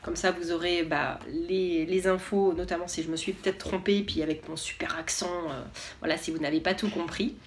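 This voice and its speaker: A woman's voice: on the low side, steady tone, normal speed, a little hiss or hum. A woman vlogger chatting casually and enthusiastically as she unboxes products, with lots of hesitation fillers.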